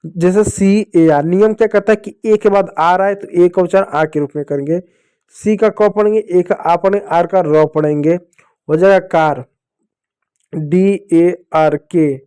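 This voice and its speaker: A man's voice: high-pitched, moderate pace, dark tone, clean tone. A man teaching young children to read, patient, asking them questions and repeating each point. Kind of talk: children's phonics lesson.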